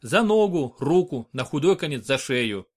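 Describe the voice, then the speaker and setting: A man narrating an audiobook in an expressive storytelling manner. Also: fairly high pitch, normal speed. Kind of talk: scripted narration.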